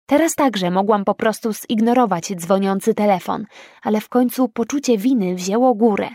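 A young woman narrates a novel in the first person with a calm, measured, inward delivery. Her voice sits in a middle register for a woman. The recording is dry and close, from a quiet booth. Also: mid-range voice, no room sound. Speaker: audiobook narrator.

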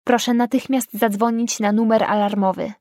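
Narrator doing a firm, urgent woman driver in an audiobook, fairly high, dry recording. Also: steady tone, moderate pace, darkish tone, dry recording, natural voice. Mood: concerned. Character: concerned woman driver, brisk and decisive.

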